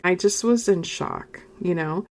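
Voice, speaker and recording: A woman's voice: lowish voice, measured pace. A middle-aged woman hosting a podcast, telling a personal story in a conversational way, emotional and near tears at times. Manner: emotional, tearful at moments, conversational with many "you know"s. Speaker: podcast host and spiritual medium.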